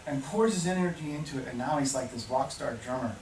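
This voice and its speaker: A man's voice: medium pitch, quick pace. A man giving a passionate motivational talk to new teachers, telling stories and building to emphatic peaks. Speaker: teacher orientation speaker. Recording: echoey room, speaker far from mic, noisy.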